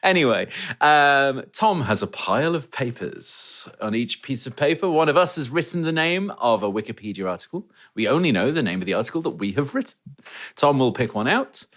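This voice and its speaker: A man's voice: medium pitch, big pitch swings, brisk, a bit bright. A man on a comedy panel, explaining at length and giggling mid-sentence. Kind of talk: casual comedy chat.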